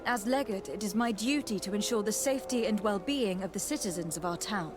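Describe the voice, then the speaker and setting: A woman with a natural, medium-pitched voice speaks briskly as a game's protagonist, a composed and formal noble legate. She questions people in an authoritative manner, and music plays under her voice.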